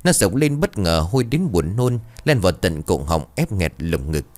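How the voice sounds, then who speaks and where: A man narrating a horror story with dramatic, expressive storytelling. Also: deep voice, normal speed.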